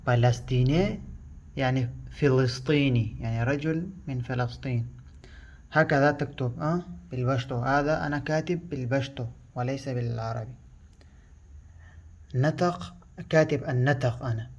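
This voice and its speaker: Husky man teaching a language lesson. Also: medium pitch, darkish tone, muffled recording. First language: Pashto. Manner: slow, repetitive, halting explanation.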